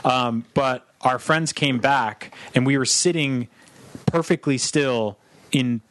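A man's voice: medium pitch, takes it slowly, no echo. Man telling a wild story, dry sound. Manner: animated profane storytelling; laughs mid-story. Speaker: podcast co-host. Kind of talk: casual chat.

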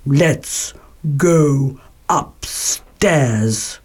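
A woman voicing a big father bear in a storybook reading, in a low, growly, slow manner. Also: expressive, darkish tone, husky, full character voice. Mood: gruff.

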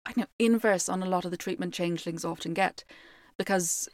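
A woman's voice: fairly low pitch, a little fast, dry recording, studio quality. A woman with a lilting Irish accent, speaking as a storyteller to her listeners. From Ireland. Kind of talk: storytelling with informal commentary to listeners.

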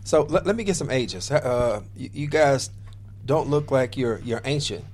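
A man's voice: medium pitch, lively intonation, normal speed, darkish tone, a little hiss or hum. A man hosting a casual radio interview, often repeating words as he starts his phrases. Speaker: radio show host.

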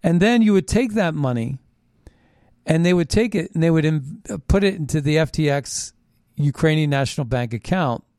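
A man's voice: fairly high pitch, animated, moderate pace, darkish tone, no echo, studio quality. A man hosting a political talk show, delivering an emphatic, conspiratorial rant as a monologue and repeating phrases for stress. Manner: conspiratorial ranting. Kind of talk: political monologue, reading out own written posts with commentary.

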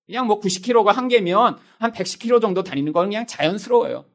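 A man's voice: high voice, lively intonation, fast. A male pastor preaching a sermon, speaking straight to the congregation with rhetorical questions and acting out everyday excuses in quoted voices.

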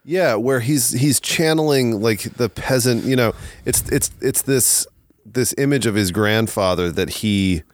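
A man's voice: medium pitch, a little slow, no echo, studio quality. A man co-hosting a podcast, rambling casually with swearing and laughter. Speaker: podcast co-host. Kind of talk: casual chat.

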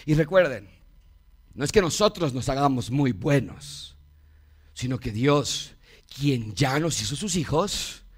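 A man preaching a passionate sermon in a church, swinging between loud appeals and hushed warnings. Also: medium pitch. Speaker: pastor.

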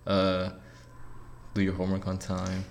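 Young male college student guest, laid-back and rambling, low and even-toned. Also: unhurried, creaky, slight background noise. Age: 20s. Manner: relaxed, rambling, laughs easily. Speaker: guest, college soccer player. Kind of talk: casual interview chat.

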